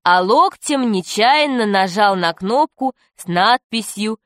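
A woman narrating a children's story for an audiobook, telling it in a steady, clear way. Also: medium pitch, takes it slowly, no echo, clean studio sound.

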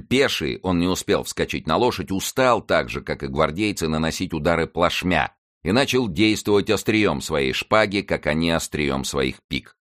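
Very deep-voiced male narrator. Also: no room sound, studio quality. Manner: expressive, dramatic reading. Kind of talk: audiobook narration of a historical novel.

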